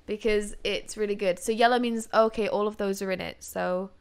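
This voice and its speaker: A woman streaming a game, bantering casually with friends in an animated, giggly, exclamatory way. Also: mid-range voice, moderate pace, creaky, clean tone.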